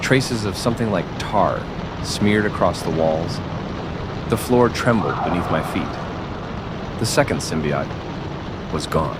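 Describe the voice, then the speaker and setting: A man narrating a bedtime story as a brooding, haunted masked superhero, slow, serious and somber. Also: sits low, very noisy. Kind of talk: scripted first-person bedtime story narration. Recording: steady rain and city ambience behind.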